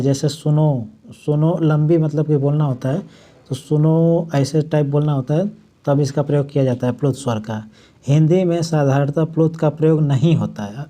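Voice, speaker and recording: His voice is warm and mellow, though fairly high for a man, as he leads an exam-prep Hindi grammar class. He goes point by point, says things again more simply, and lingers slowly over the example words.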